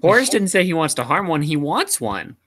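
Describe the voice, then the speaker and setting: A man's voice: fairly high pitch, big pitch swings, brisk, fairly bright tone. A man making wry, dry remarks as a player in a tabletop game session. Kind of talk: casual chat at a tabletop game.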